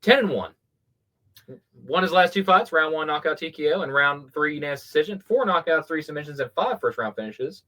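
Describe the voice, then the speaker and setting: Male podcast co-host, matter-of-fact stat reading, slightly high voice. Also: expressive, a little fast, bright, forceful tone. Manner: matter-of-fact listing of records. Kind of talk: casual podcast chat, reading fight stats.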